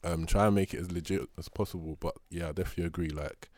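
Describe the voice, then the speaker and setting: A young man with a deep voice and a London roadman accent, recorded close and dry. He chats in loose street slang like a podcast co-host bantering with a friend. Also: fairly even intonation, fast, darkish tone, no room sound. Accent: London, urban roadman. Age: young adult. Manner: slangy, bantering, addressing listener as bro. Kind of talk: casual podcast chat.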